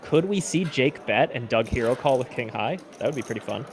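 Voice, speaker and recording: A man with a mid-pitched voice commentates live poker. He is analytical and explains each move as it happens, with clear chatter from the table behind him. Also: expressive, brisk. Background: poker players chattering.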